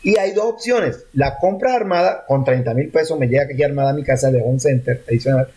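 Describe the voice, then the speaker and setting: A man's voice: medium pitch, a little fast, a little mellow. A man with a Colombian coastal accent, teaching a programming class over a video call in a chatty, joking way. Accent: Colombian coastal Spanish. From Colombian Caribbean coast. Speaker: programming instructor. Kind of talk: online class talk.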